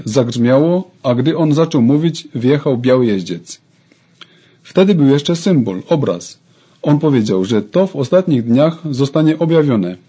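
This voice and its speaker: A man's voice: mid-range voice, mellow, breathy edge. A man preaching a sermon, fervently addressing his congregation.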